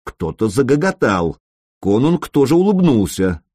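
Husky male audiobook narrator. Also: mid-range voice, big pitch swings, unhurried, darkish tone, no echo, clean studio sound.

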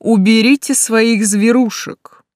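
A woman's voice: medium pitch, expressive, measured pace, no echo, clean studio sound, lightly acted. A woman reading the part of a spiteful, arrogant male count with a snide, clipped manner. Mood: irritated.

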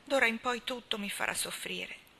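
A woman voicing a young mother who grieves her newborn and protests loudly in anguish. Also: a little high, normal speed, gravelly, husky, full character voice. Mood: sorrowful.

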